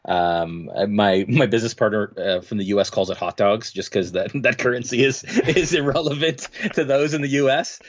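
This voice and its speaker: A man's voice: on the low side, normal speed, few pauses, muffled recording, slight background noise. A man talking casually as an interview guest, a game master who rambles with lots of fillers and restarts.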